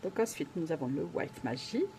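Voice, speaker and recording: A woman's voice: deep voice, expressive, normal speed, a little mellow, slight background noise. A woman vlogger chatting casually while unboxing at home, gushing with exclamations and often hesitating.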